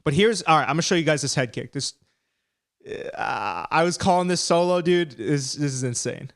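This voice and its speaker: A man's voice: on the high side, animated, normal speed, vocal fry. Chatty man hosting a live stream. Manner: chatty, rambling, self-deprecating. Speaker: streamer breaking down fights. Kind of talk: casual live-stream chat.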